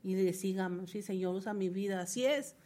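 A woman's voice: medium pitch, moderate pace, dark tone. A woman preaching a sermon in a fervent, rising manner, often repeating words for emphasis. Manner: fervent, builds to emphatic repetition.

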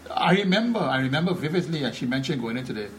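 Middle-aged guy reminiscing, chatty, mid pitch, faint background noise. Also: expressive, quick pace, a bit bright. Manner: reminiscing, chatty, tags with "right?". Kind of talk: casual chat.

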